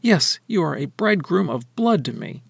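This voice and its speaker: A man's voice: fairly high pitch, very animated, moderate pace, vocal fry, fairly bright tone, breathy edge, dry recording, voice pushed up, full character voice. A man voicing a fierce young wife who speaks sharply and accusingly, in a raised voice.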